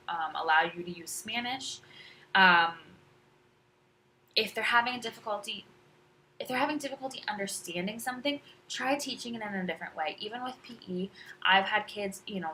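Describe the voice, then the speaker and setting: A woman's voice: fairly low pitch, bright, forceful tone, slight background noise, low-quality recording. A woman teacher giving a casual instructional talk, walking through classroom tips in a chatty, conversational way.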